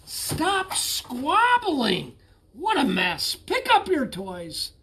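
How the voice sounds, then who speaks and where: A man's voice: extremely high pitch, big pitch swings, slow, a little hiss or hum, pitched above the performer's own voice, full character voice. A man voicing a fussy, flustered mother toad in a read-aloud storybook. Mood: scolding.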